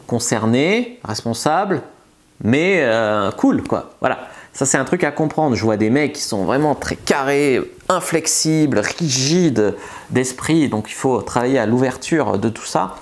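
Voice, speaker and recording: With an expressive, unhurried delivery at medium pitch, a male seduction coach rambles casually through an advice monologue to camera. Filler words and restarts come up often in his loose, chatty manner.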